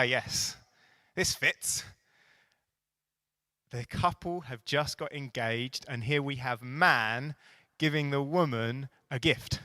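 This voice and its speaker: Bright, animated male preacher. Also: mid-range voice, dry recording. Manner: animated, playful asides, emphatic repetition. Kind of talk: sermon.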